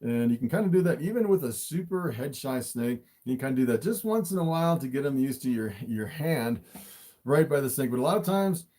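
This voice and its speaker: A man's voice: medium pitch, expressive, fairly quick, warm tone. A man hosting a casual livestream as an animal keeper, easily amazed and chatting to viewers as he shows his animals. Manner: easily amazed, often chuckling between remarks.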